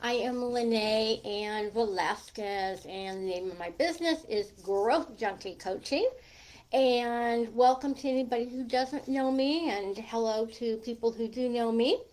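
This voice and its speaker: A woman's voice: fairly high pitch, a little slow, darkish tone, poor audio. A middle-aged or older woman with a lisp and whistling s, chatting casually and informally to viewers as a coach hosting a livestream, with rambling asides. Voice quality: lisp with whistling, slushy s from a gap in her teeth.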